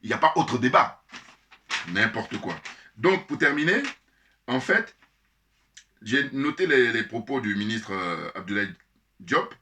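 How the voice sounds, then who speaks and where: A man's voice: mid-range voice, measured pace, long pauses, slight background noise. Indignant, laughing man commentator. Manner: animated, indignant, laughs often, many fillers and restarts. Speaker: political commentator. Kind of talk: casual spoken commentary.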